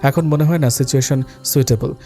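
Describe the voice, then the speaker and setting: A man playing a calm, reassuring doctor friend. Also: mid-range voice, fairly quick, soft background music, lightly acted. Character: reassuring male doctor, an old college friend.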